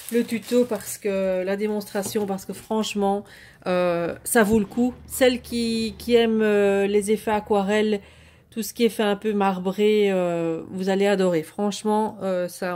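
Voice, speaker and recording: A woman with a mellow, warm tone and a middle-range pitch, chatting her way through a craft haul. She talks in a hesitant, halting way, full of fillers and self-corrections, yet sounds genuinely keen on everything she shows. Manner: hesitant, many fillers and restarts; enthusiastic about the products. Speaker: craft vlogger showing a product haul. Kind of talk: casual product haul chat.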